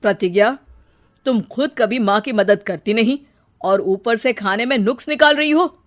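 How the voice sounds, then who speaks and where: A woman voicing an irritable young husband in a cartoon story, scolding loudly and finding fault. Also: on the high side, normal speed, natural voice. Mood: annoyed.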